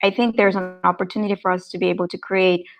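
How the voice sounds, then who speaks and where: A woman's voice: on the low side, fairly even intonation, quick pace, dull audio. A woman in her thirties from Korea, answering interview questions in an upbeat, chatty way with lots of fillers and restarts. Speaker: guest, startup co-founder.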